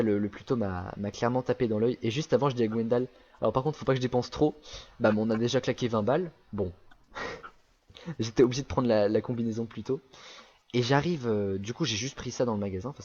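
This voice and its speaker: A man's voice: fairly low pitch, a little mellow, lo-fi sound. A young French man rambling through a casual travel anecdote, full of fillers and restarts. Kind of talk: casual storytelling chat.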